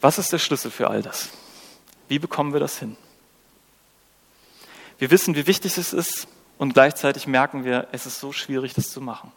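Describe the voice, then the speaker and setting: A man with a medium-pitched, gravelly voice preaches a sermon at a normal speed, pausing often, and the recording carries the long reverb of a hall. He's engaging and conversational, often putting questions to his listeners and acting out quoted lines.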